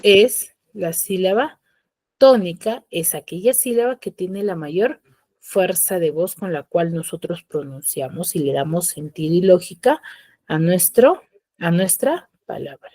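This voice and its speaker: A woman's voice: fairly low pitch, expressive, a little slow, warm tone, dry recording, poor audio. A woman teacher, lecturing in an online class, explaining patiently, repeating key terms and checking that the students follow. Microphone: computer mic on a video call.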